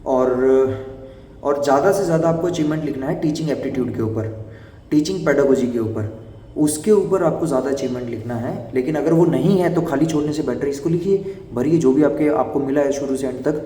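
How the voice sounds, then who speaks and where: A young man giving fast, direct advice to job interview candidates in an instructive explainer style. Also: medium pitch, dark tone. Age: young adult. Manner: brisk and instructive, addresses viewers directly. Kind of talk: explainer video talk. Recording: echoey room, voice from far off the mic.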